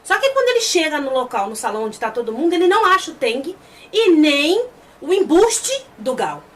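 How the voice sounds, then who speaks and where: High-voiced Brazilian woman reviewing a series. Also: fairly quick. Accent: Brazilian Portuguese. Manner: emotional, animated retelling with quoted lines. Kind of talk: casual spoken review retelling scenes. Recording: distant mic with faint background noise.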